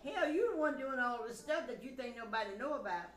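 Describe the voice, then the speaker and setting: Speaking briskly in a high, expressive voice, a grandmother rambles bluntly through family anecdotes, voicing the exchanges as dialogue. It's a casual telling. Background noise and an echoey room surround her.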